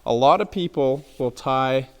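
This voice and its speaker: A man, a horse trainer, calmly explaining knots step by step in a plain, practical way. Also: medium pitch, a little slow, clean tone. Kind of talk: instructional demonstration.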